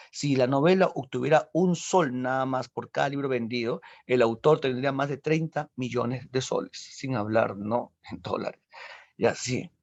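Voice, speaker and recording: A male literature teacher acting out a story with lively quoted voices during an exam-prep lesson. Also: mid-range voice. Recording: dull lo-fi sound.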